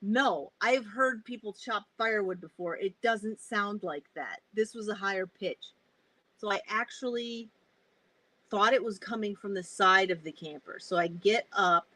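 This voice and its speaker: A woman's voice: mid-range voice, dry recording, rough recording. Lady vlogging from a camper, telling a story, swears a lot, acts out what she said. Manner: animated, swears a lot, acts out her reactions. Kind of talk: casual storytelling. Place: inside a camper.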